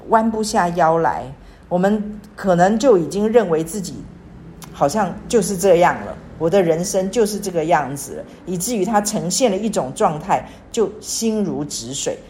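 A woman's voice: lowish voice, dark tone, slight background noise. A woman in her sixties giving an earnest devotional talk, repeating phrases and pleading in prayer. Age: 60s. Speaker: church speaker. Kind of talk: devotional teaching.

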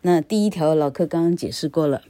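An older woman giving a casual online English lesson. She rambles and tags her phrases with a habitual "ha," and chants rules slowly, syllable by syllable. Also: low voice, mellow. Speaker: English teacher.

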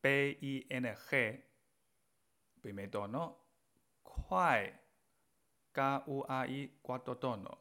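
Guy teaching a language podcast, super slow and patient, spelling out tones bit by bit. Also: medium pitch, pushed and bright. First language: Mandarin Chinese. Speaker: Chinese teacher.

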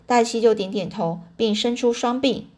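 A woman reading a children's novel aloud in a chatty way, pausing to explain words and correcting herself. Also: on the high side, a little mellow. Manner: pauses to explain words to listeners; chatty fillers, self-corrections. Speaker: storyteller.

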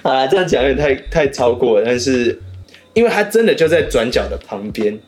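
A man's voice: medium pitch, animated, fairly quick. A man from Taiwan co-hosting a casual podcast chat, joking and laughing often. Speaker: podcast co-host.

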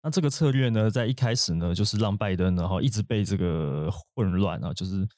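A man's voice: low-pitched, fairly quick, darkish tone, no room sound, studio quality. A man hosting an English vocabulary lesson, explaining at length with fillers and asides. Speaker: podcast host.

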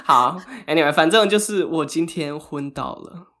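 A man's voice: a little high, moderate pace, pushed and bright. A man co-hosting a podcast, telling a story in casual chat with frequent laughter and English phrases mixed in. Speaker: podcast co-host.

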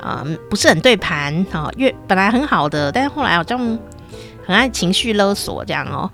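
A woman's voice: medium pitch, big pitch swings, fairly quick, gravelly, fairly bright tone, soft background music. A middle-aged woman telling a comic personal story in a chatty, playful way, with many sentence-final particles. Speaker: storyteller host.

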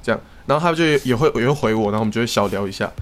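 A young man from Taiwan, co-hosting a podcast in casual chat, telling stories quickly with lots of swearing. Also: mid-range voice. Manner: rapid, swearing, animated storytelling. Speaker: podcast co-host.

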